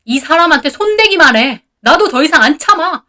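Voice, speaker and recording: A woman voicing a young husband who is fed up and talks back loudly and bitterly. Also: fairly high pitch, brisk, lightly acted. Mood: bitter shouting. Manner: loud, bitter, firm.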